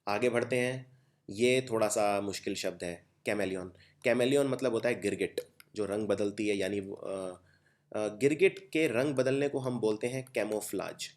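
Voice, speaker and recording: Casting: young Indian-accented male tutor, lowish voice, patient letter-by-letter spelling lesson. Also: moderate pace. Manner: explains step by step, spells words out letter by letter. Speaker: teacher. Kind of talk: exam-prep vocabulary lesson.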